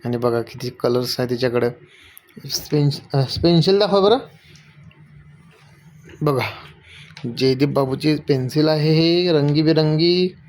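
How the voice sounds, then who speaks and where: Filming at home, an adult family vlogger talks straight to viewers and coaxes a small child with patient, repeated questions. The voice sits at medium pitch, a little mellow, unhurried and full of pauses, in a casual home video chat.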